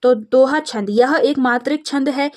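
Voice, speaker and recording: A young woman from India with a Madhya Pradesh Hindi accent, teaching an exam revision lesson and explaining terms step by step. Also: sits high. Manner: steady explaining, slows to recite verse examples.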